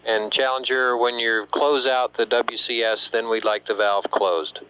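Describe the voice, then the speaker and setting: A man's voice: mid-range voice, fairly even intonation, a little slow, pushed and bright, rough recording. A man at mission control giving businesslike, technical instructions over space radio as capsule communicator. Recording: hissy space-to-ground radio.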